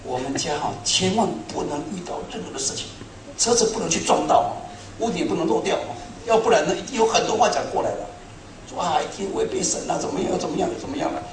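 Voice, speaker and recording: A middle-aged man preaching a sermon to a congregation, telling stories in an animated, self-mocking way. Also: high voice, quick pace. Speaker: pastor. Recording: echoey hall, speaker far from mic.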